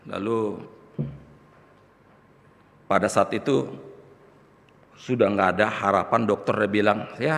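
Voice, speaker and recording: Male pastor, heartfelt storytelling sermon, gravelly edge, long church-hall reverb. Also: lowish voice, a bit bright. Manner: emotional storytelling, addresses congregation as brothers and sisters.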